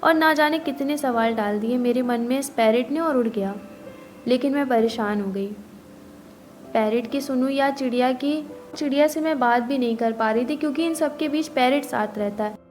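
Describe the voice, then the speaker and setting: A young woman with a high voice tells a reflective first-person story. She speaks gently and thoughtfully, and carries the other characters' lines in her own voice. Soft music plays faintly behind her. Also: normal speed.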